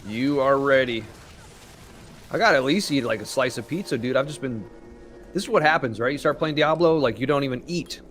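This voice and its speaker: A man's voice: mid-range voice, fairly quick, a bit bright, soft background music. A young man hosting a casual gaming stream chat, laid-back and swearing freely, with lots of "dude" and "bro". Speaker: podcast host and streamer.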